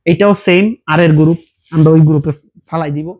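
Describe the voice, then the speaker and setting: Husky voice, mid pitch, patient language teacher, casual lesson. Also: steady tone, fairly quick, a little mellow, lo-fi sound. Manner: explains patiently with repeated examples and check questions.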